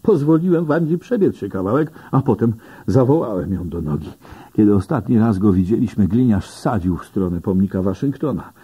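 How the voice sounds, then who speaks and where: A man narrates an audiobook in a low, husky voice. His pitch rises and falls in a lively way as he tells the story. The sound is dark and comes through a dull, lo-fi recording. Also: brisk. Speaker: audiobook reader. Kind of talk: first-person audiobook narration.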